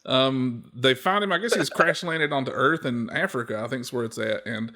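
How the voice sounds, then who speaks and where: A man's voice: medium pitch, normal speed, sharp tone. A man co-hosting a podcast, explaining things in an easygoing, slightly wry way. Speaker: podcast co-host. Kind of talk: casual chat.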